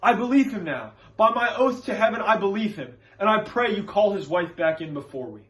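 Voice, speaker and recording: Playing the learned witch-hunting reverend of a stage play, a man pleads in a high, earnest, sermon-like voice heavy with archaic, formal language. He speaks expressively and fairly quickly, with a somewhat bright tone.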